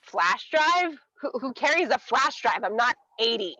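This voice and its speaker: A woman's voice: fairly high pitch, sing-song, measured pace, sharp tone, lo-fi sound, full character voice. A woman acting a defensive young woman caught faking, prone to stammering rambles. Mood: evasive. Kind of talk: audio drama acting.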